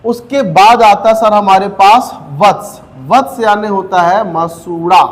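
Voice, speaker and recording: A man teaching a Hindi grammar class for exam preparation. He asks the class questions, answers them himself, repeats key terms and says each sound slowly. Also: sits high, fairly even intonation, big-room sound.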